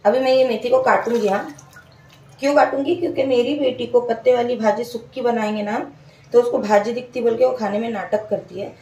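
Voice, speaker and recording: A woman's voice: on the high side, fairly even intonation, fairly quick, a little mellow. A woman, casually narrating a home cooking vlog and explaining each step to her viewers. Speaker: home cook vlogger. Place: home kitchen. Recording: echoey kitchen, mic far off.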